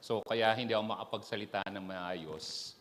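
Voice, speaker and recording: A man recovering from a cough gives a sermon in a halting, self-deprecating way, full of fillers. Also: fairly low pitch, a bit bright, long reverb tail. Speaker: church speaker. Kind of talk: Taglish sermon. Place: church hall.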